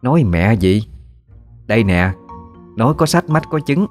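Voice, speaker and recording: A man's voice: on the low side, sing-song, unhurried, darkish tone, faint music behind. A man voicing a gloomy, superstitious middle-aged woman, grumbling. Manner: grumbling, sulky.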